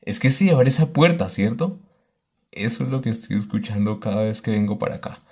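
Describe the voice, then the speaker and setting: A man's voice: fairly low pitch, lively intonation, brisk, a little mellow. A man doing let's play commentary of a horror game, exclaiming and talking to the baby on screen. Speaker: gaming YouTuber.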